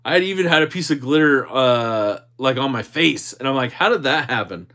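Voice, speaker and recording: A man with a medium-pitched voice hosts a casual livestream. He reads out and answers comments in a relaxed, conversational way, joking as he goes. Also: moderate pace. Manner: jokey, easygoing. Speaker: livestream host.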